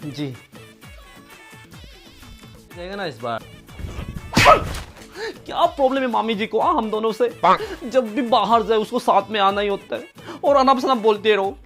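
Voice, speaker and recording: A man's voice: sits high, expressive, normal speed. A man playing a put-upon young daughter-in-law who answers meekly and mutters her complaints. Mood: resentful. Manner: soft submissive replies, muttered complaints. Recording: loud background music.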